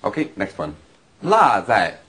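Husky-voiced man teaching patiently. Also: lowish voice, wildly swooping pitch, fairly bright tone. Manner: patient, explains slowly with examples. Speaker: language teacher. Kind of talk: explaining vocabulary and grammar.

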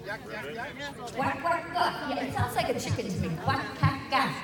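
A folk dance leader with a high voice and a measured pace playfully leads a children's circle dance at an outdoor festival in a grassy park. She gives animated instructions to the crowd through a handheld mic. The recording, filmed from a distance, is echoey, with music and crowd noise.

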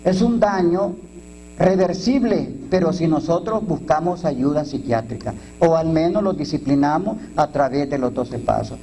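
A man's voice: on the high side, lively intonation, moderate pace, warm tone, slight background noise, poor audio. A man with a Mexican Spanish accent, a priest giving an informal talk to a twelve-step recovery group, blunt and coarse, full of slang, jokes and rhetorical questions.

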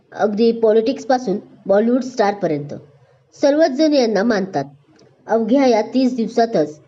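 A woman's voice: fairly high pitch, mellow, muffled recording. A woman narrating a scripted story aloud, voicing each character herself with small changes in her voice. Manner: reads all characters with small voice shifts.

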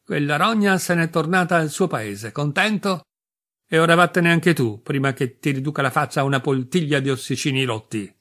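A man doing a gruff, rude club doorman. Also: fairly high pitch, expressive, normal speed. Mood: threatening. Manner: gruff, hostile, loud. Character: rude, threatening man guarding a club door.

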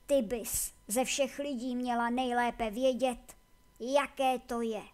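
A woman's voice: a little high, fairly even intonation, close to an everyday voice. A woman voicing a weary, aging male elder who sounds tired and guilty, with a subdued delivery.

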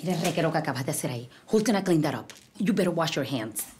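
A woman's voice: sits low, expressive, rapid-fire, a little mellow, a little hiss or hum. A middle-aged woman playing a scolding, exasperated mother in a comedy sketch, mixing in Spanish words.

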